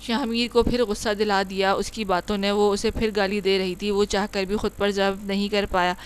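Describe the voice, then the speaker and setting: A woman narrating a romance audio novel in a steady, even reading voice. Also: medium pitch, smooth.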